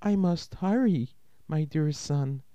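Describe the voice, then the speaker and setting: A man's voice: a little high, slow, warm tone, dry recording, voice pushed up. A man voicing an anxious, loving mother who speaks with tender, tearful urgency as she parts from her young son. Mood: urgent.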